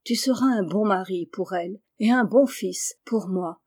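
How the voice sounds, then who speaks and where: A woman reading aloud voices an old lord, a soft-hearted father who speaks fondly. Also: medium pitch, a little slow, breathy edge. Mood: moved.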